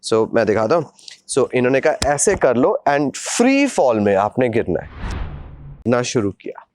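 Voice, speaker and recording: A man vlogging a personal story in an animated, dramatic way, acting out sounds and mixing English phrases into his Hindi. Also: mid-range voice, unhurried, dry recording, clean studio sound.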